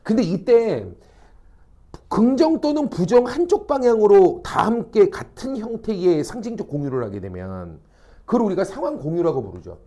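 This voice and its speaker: A man's voice: sits high, normal speed. A man teaching a classroom lecture, casual and blunt with his students, acting out quoted people and checking constantly that they follow. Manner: animated, acts out quoted people. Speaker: academy teacher.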